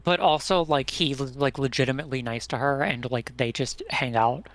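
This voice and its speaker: A man's voice: mid-range voice, steady tone, moderate pace, fairly bright tone. A man in casual chat, explaining eagerly with many filler words. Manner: enthusiastic explaining, filler-heavy.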